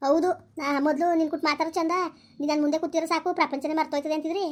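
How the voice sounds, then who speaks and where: A woman's voice: high-pitched, level tone, darkish tone, lightly acted. A woman playing a suspicious, hurt young pregnant wife who nags her husband in a village comedy skit. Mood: reproachful. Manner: complaining, questioning, rapid.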